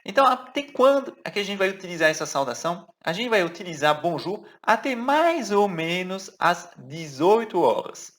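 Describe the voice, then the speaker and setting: A man with a French accent gives an online language lesson. His pitch moves a lot, rising and falling as he stresses points. He explains patiently and says key words slowly so learners can follow. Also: very animated, fairly bright tone. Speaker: French teacher.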